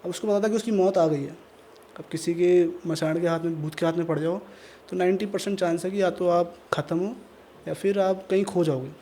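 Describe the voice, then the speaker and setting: A man with a Pahari Hindi accent telling a horror story in a casual, animated, conversational podcast style. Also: high-pitched, a little fast, slight background noise. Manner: animated, conversational, acts out voices. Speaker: storyteller guest. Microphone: podcast mic.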